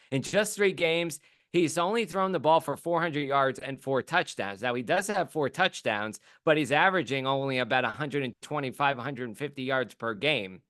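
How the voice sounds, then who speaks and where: A man with a bright, forceful voice pitched a little high talks fantasy football picks in a relaxed, conversational way. He fills pauses with ums and laughs easily, and the sound is close and dry. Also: clean tone, dry recording. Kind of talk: casual sports talk.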